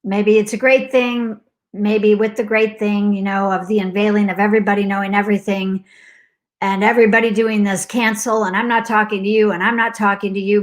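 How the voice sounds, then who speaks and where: A middle-aged woman telling a personal story in a casual way, animated and full of likes, acting out alarms and laughing often. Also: medium pitch. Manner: talks in loose fragments with many likes. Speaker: host.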